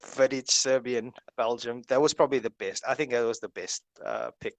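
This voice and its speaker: A man's voice: medium pitch, normal speed, slight background noise. A man hosting a casual video call, reading through lists with lots of "uh" and "um" fillers. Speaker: host.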